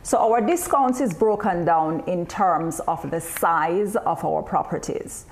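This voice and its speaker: Unhurried woman presenting a webinar. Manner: measured, explanatory, upbeat sales pitch. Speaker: training presenter. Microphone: video call.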